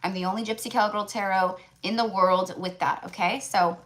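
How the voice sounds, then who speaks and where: A woman's voice: mid-range voice, steady tone, moderate pace, fairly bright tone, low-quality recording. A woman hosting a live tarot reading in a casual, rambling way, repeating phrases for emphasis and often checking in with listeners. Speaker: tarot reader, livestream host.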